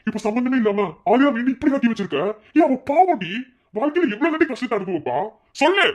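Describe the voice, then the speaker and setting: A man's voice: very high-pitched, animated, fast talker, highs cut off. An actor playing a husband who angrily scolds his wife, then pleads with her. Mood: pleading. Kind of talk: TV serial dialogue.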